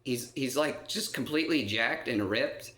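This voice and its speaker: A man's voice: mid-range voice, moderate pace, a bit bright. A man telling a long personal story in a rambling way, often stopping to check in with his listener and filling gaps with "um". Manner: rambling, checks in with repeated "okay?" and many "um"s. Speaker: vlogger. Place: resident's room in a care home. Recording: roomy echo.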